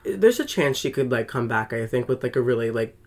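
A man's voice: medium pitch, a little fast. Rambling young man co-hosting a chat. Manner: rambling, filler-heavy, animated and jokey. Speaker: podcast co-host. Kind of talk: casual chat about music releases.

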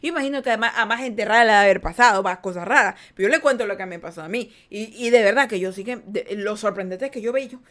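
A woman with a Guayaquil Ecuadorian Spanish accent telling a strange personal story on her podcast, acting out her own shouts. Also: medium pitch, fast, few pauses. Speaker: podcast host.

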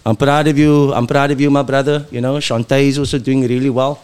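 A man's voice: medium pitch, level tone, brisk, a little mellow, clean tone. A man in his early forties with a South African accent, a chef talking in a radio interview, fired-up and preachy, dropping "bruh" often. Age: 40s.

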